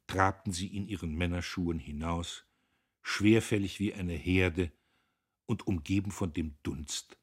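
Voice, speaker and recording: Very husky, deep male narrator. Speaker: audiobook narrator. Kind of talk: literary audiobook reading.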